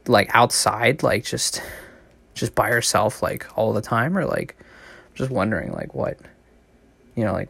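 A man's voice: medium pitch, gravelly, a bit bright, no echo. Rambling man with a dry, close sound. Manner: rambling, heavy use of filler "like". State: out of breath. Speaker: podcast host. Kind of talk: casual rambling monologue.

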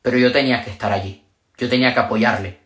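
A man's voice: medium pitch, fairly even intonation, fast, a bit bright. Male livestreamer, mid-range voice, emotional storytelling, echoey room. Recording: roomy echo.

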